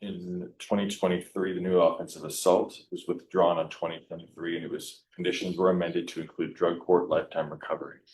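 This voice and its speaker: Deep-voiced man questioning in court. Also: little pitch movement, a little mellow, poor audio. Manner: measured, checking facts one by one.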